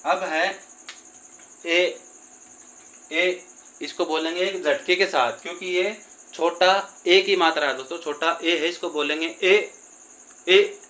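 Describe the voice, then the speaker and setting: A man teaching grammar at a slow, unhurried pace, his voice bright and a little high for a man. He repeats each sound patiently and stretches the long vowels out, talking to his listeners as friends. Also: fairly even intonation, rough recording. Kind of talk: Hindi grammar lesson.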